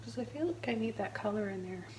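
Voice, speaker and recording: A woman giving a casual step-by-step painting tutorial as a gentle, easygoing instructor. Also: mid-range voice, expressive, fast talker. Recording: roomy echo, faint background noise.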